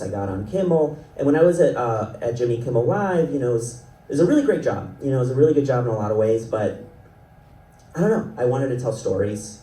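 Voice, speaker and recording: A mellow, medium-pitched man in his thirties, from South Florida with an Ecuadorian family, speaks on a festival panel as an animation writer and creator. He rambles, pokes fun at himself, and laughs often. The distant mic gives a roomy sound in the event panel hall, with faint noise.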